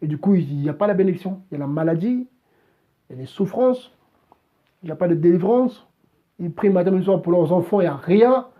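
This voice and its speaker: A man preaching live online sounds a little high for his sex and pushes his listeners with blunt, repeated exhortations. The stream audio comes through dull and lo-fi, like a webcam mic. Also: expressive, brisk. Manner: exhorting, repetitive, keeps saying "voilà".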